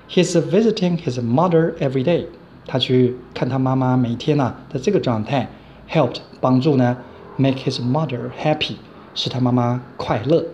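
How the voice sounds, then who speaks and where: In this grammar lecture, a male English teacher works through examples in an even, mid-range voice. Every example is repeated and its letters spelled out, while a light hiss runs beneath the recording.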